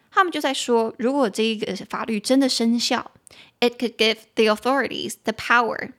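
A woman's voice: mid-range voice, fairly bright tone. Woman teaching English on a podcast. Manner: repeats English phrases slowly and spells them letter by letter; switches between Mandarin and English.

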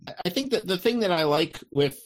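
A man on a casual sports panel, speaking in a halting, dry and understated way. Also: high-pitched, expressive. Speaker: podcast panelist.

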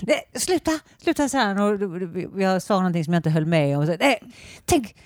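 A woman's voice: lowish voice, expressive, darkish tone, no room sound, clean studio sound. A woman in her fifties with a Gothenburg Swedish accent, chatting casually and telling stories with frequent laughter and casual swearing. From Sweden. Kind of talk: casual chat.

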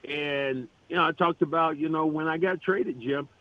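Animated man telling stories over the phone. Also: a little high, normal speed, no room sound. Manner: animated anecdotes, frequent restarts, laughing. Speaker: guest, retired basketball player and author. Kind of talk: storytelling in a radio interview. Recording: tinny phone line.

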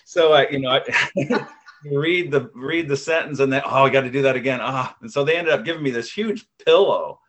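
This American man in his fifties, an author and video creator, answers interview questions conversationally as a guest. His medium-pitched voice is a bit bright and moves at normal speed. He comes across as humble and self-deprecating, with many fillers and restarts.

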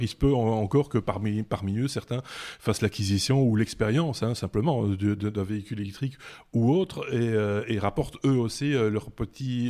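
A man hosting a casual podcast, talking in a chatty, halting way with many restarts and fillers. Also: mid-range voice, dark tone. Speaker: podcast host.

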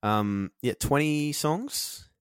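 A man co-hosting a podcast, relaxed and swearing, filling pauses with um. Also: fairly high pitch, clear, resonant tone, dry recording, clean studio sound. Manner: laid-back, swearing, fills with um. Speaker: podcast co-host. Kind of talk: casual banter.

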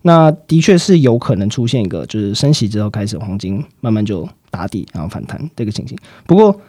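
A man lays out market analysis at a brisk clip, his voice dark and a little husky. He explains step by step, with frequent fillers and trailing particles. The sound is dry and close to the mic. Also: fairly low pitch, sing-song, dry recording. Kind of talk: financial commentary chat.

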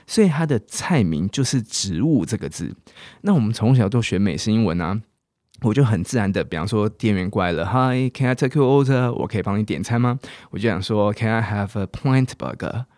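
A man with a Taiwanese Mandarin accent, hosting a casual podcast English lesson and coaxing listeners to repeat example words slowly. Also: lowish voice, a little mellow, no room sound, studio quality. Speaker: English teacher and podcast host.

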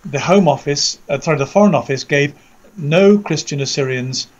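A man with an English accent giving conversational news commentary over an internet call, measured and articulate, often repeating words as he searches for the next. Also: on the high side, lo-fi sound. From Britain. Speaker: commentator, co-presenter. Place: indoors under a roof, remote audio call.

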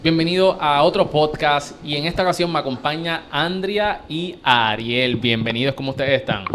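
Upbeat podcast host. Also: male voice, fairly high pitch, moderate pace, slight background noise. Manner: animated, upbeat, mixes in English words. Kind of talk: podcast interview.

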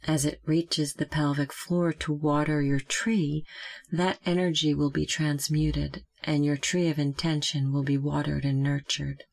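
Here a meditation guide with a creaky, mid-range voice gives soft, calm directions at a slow, measured pace, leaving long pauses.

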